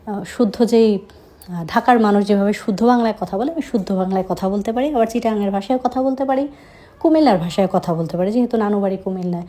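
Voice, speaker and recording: A woman's voice: medium pitch, fast talker, dark tone. A young woman from Chittagong with a slight Chittagong Bengali accent, telling a first-person story in a conversational way with frequent hesitations. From Chittagong, Bangladesh.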